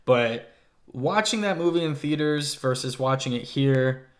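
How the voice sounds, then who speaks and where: A young man co-hosting a casual movie review chat, animated and rambling, swearing freely. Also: medium pitch, unhurried. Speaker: co-host.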